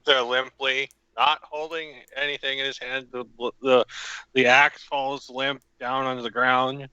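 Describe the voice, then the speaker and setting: A man playing a tabletop game, haltingly describing his character's actions. His voice is very bright and crisp, but the dry mic sounds dull and lo-fi. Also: mid-range voice, flat delivery, no room sound. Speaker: player.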